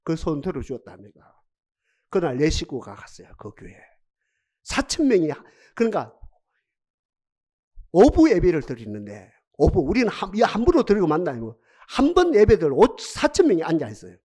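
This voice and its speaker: A male pastor delivering a dramatic sermon full of rhetorical questions, swinging from loud to hushed. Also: fairly high pitch, huge pitch swings, normal speed. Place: church sanctuary.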